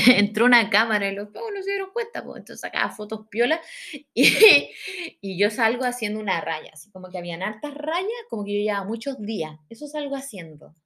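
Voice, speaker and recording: A young woman with a Chilean accent telling a story in casual slang, with frequent laughter. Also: mid-range voice. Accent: Chilean Spanish. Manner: animated, slangy, laughing often.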